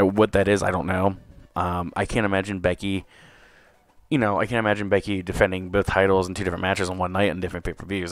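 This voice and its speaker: Male podcast host with a deep voice, slightly hoarse, loose rambling delivery, dry sound. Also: a bit bright, dry recording. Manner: rambling, profane, with many fillers. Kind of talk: casual solo show review.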